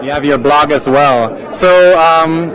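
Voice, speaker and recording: Male live event host, slightly high voice, gushing red carpet chatter, busy crowd around him. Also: a little slow, fairly bright tone. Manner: complimentary, echoes guests' answers. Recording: noisy crowded outdoor event, traffic.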